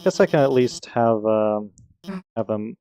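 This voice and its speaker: Low-voiced man rambling over game music. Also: a little slow, dark tone, a little hiss or hum. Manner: rambling, hesitant, many restarts and fillers. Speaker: streamer playing a video game. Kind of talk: casual gameplay commentary.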